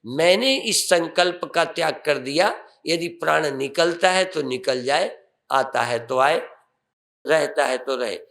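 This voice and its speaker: Guiding listeners through meditation, an older swami speaks in an unhurried, calm voice that sits on the high side. He talks slowly, a gravelly fry running through his tone, and lifts certain phrases for emphasis.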